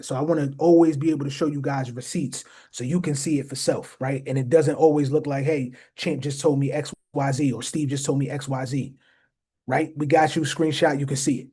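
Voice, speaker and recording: A man's voice: on the high side, dark tone, breathy edge. A man hosting a casual explainer talk, speaking emphatically to his viewers and often repeating phrases for stress. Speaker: host.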